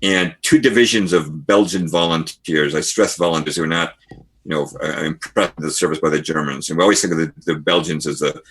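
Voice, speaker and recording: A man's voice: rumbling low, level tone, fast, fairly bright tone, husky. A man who is a guest author on a podcast interview, telling history as stories and reading passages aloud from books.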